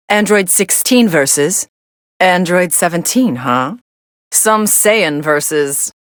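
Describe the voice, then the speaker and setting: Android 18, low-voiced deadpan android fighter. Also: female voice, dry recording, clean studio sound. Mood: cool, detached. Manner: deadpan, dismissive. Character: cool, sardonic young female android fighter. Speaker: fighting game commentator character. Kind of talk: scripted game voice lines, fight commentary.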